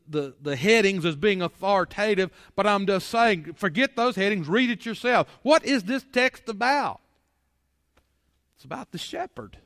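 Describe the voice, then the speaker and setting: A man's voice: sits high, a bit bright, no room sound, clean studio sound, big-room sound. A man preaching a sermon to his congregation, folksy, full of rhetorical questions and repeated words. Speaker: pastor. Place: church sanctuary.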